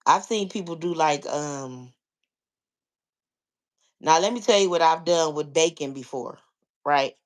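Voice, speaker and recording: An American vlogger talks in a loose, conversational way, as if chatting with listeners. The speech explains things step by step in a casual register, circling back and padding phrases with "like" and "you know." The pitch sits in a middle range between typical male and female voices. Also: a little slow, long pauses. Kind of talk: casual chat, answering listeners.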